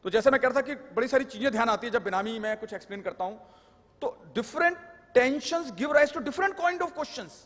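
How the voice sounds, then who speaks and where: Male lecturer, high voice, wry and explanatory, live hall with long reverb. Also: expressive, moderate pace, a bit bright. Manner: joking, explanatory, mixes English terms. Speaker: tax law speaker.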